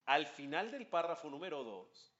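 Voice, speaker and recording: A man leads a lively religious class, firing questions at his listeners and chanting lines of Hebrew prayer. His voice is bright and a little high. The recording is dull and lo-fi. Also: moderate pace. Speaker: rabbi teaching a class.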